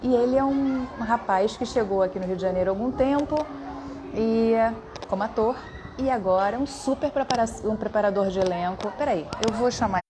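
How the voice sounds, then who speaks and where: A Brazilian woman chats through a casual live stream, greeting her viewers by name in an easy, friendly way. She talks into a phone camera at home, and a lot of noise from children shouting and playing outside carries into the recording. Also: on the high side, fairly quick. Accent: Brazilian Portuguese. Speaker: livestream host. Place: home above a noisy schoolyard. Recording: noisy background of children shouting.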